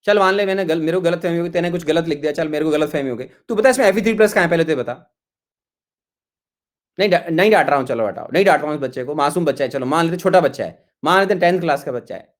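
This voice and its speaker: Exasperated Indian chemistry teacher scolding students. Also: male voice, fairly high pitch, very fast. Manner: scolding, exasperated, repeats insults. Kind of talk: live online class, scolding students over chat.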